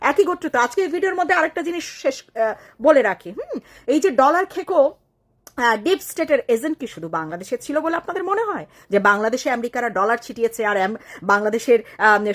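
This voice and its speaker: Woman commentator, high and expressive, impassioned and accusing, throws rhetorical questions at viewers. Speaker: political commentator. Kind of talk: online political commentary.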